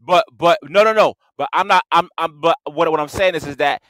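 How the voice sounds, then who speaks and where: A man co-hosting a casual podcast, talking in an animated way and often repeating "like" and "hey". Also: a little high, a little fast, no echo, poor audio. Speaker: podcast co-host. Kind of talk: casual group chat.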